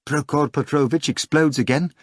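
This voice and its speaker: Voicing a hysterical young secretary for an audiobook, a man delivers an exaggerated female voice that is darkish, slightly rough, slow and sweeping widely in pitch. Through her tears she wails in agitation, shrill, frantic and breathless with a slightly nasal quality. The studio recording is clean and dry.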